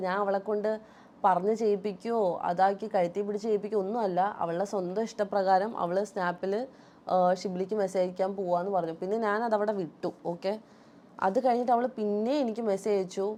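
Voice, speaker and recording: A woman's voice: mid-range voice, mellow, slight background noise. A woman vlogger with a Malayali accent, telling viewers a personal story in an aggrieved, emphatic way.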